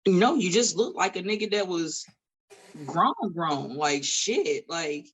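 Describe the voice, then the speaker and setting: A lowish, fairly bright voice with a breathy edge and lively intonation comes through slowly on a low-quality recording. The speaker is a woman in her late thirties, an independent wrestler guesting on a podcast at a studio table, chatting casually with blunt, profane talk and preachy asides.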